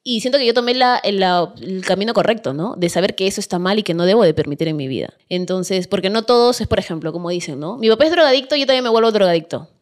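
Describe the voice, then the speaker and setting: A woman's voice: on the low side, fast, hardly any pauses. Candid Peruvian woman telling her story. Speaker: podcast guest. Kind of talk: casual podcast interview.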